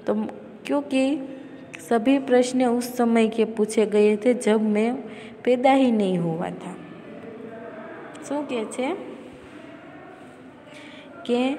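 This teacher from Gujarat, India, has a dark voice on the high side; she reads every line to her class and patiently restates it in plain language. Long reverb from an echoey room and faint hiss color the recording.

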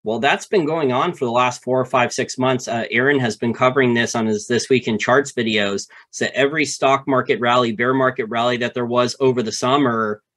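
A man's voice: mid-range voice, fairly quick, few pauses. Man explaining market mechanics step by step. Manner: animated, explains step by step with repeated phrases. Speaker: podcast co-host. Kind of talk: casual finance discussion.

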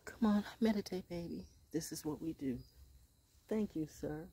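A woman's voice: lowish voice, moderate pace, mellow, slight background noise. A woman in her sixties giving a sassy, profane vlog monologue outdoors in the woods, speaking into a phone held close at arm's length, with whispered asides. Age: 60s. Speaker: vlogger. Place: outdoors on a wooden deck in woods.

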